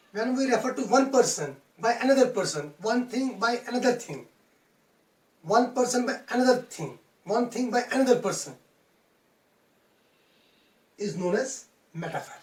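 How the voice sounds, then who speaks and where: A woman's voice: fairly high pitch, lively intonation, normal speed, darkish tone. Woman teacher, roomy and distant. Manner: methodical, repeats and restates points. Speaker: English teacher. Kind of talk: explanatory classroom lecture.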